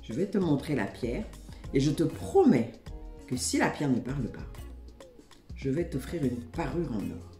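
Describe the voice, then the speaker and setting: A woman's voice: extremely low pitch, sing-song, measured pace, dark tone, exaggerated voice. A woman voicing a sly, hungry female hyena who coaxes other animals, in a storybook tale. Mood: coaxing. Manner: coaxing, persuasive. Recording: roomy echo, faint music.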